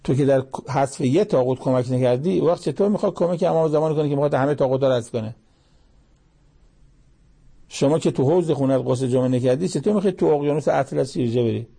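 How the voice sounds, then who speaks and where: A man's voice: medium pitch, gravelly, mellow, husky. A man preaching a sermon, reciting Arabic scripture and pressing his listeners with pointed rhetorical questions.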